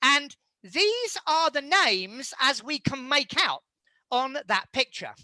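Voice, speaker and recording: A man giving an illustrated history lecture, measured and halting, with frequent fillers. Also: very high-pitched, sing-song, pushed and bright, dry recording.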